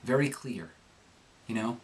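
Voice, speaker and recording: A man's voice: mid-range voice, animated, unhurried, a little hiss or hum. A man giving a conversational, explanatory pronunciation lesson as a coach. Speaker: accent coach. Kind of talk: instructional lesson with pronunciation demonstrations.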